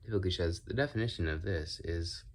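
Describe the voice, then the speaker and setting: A man's voice: low voice, fast. A man with whistling s sounds, rambling casually and thinking aloud as he goes from one aside to the next. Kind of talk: casual rambling solo monologue. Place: indoors in own room.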